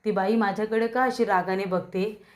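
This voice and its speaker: A woman's voice: mid-range voice, steady tone, moderate pace, natural voice. A woman reading as a frightened, confused woman. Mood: fearful. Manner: anxious and suspicious questioning. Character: confused, frightened woman fearing she is hunted.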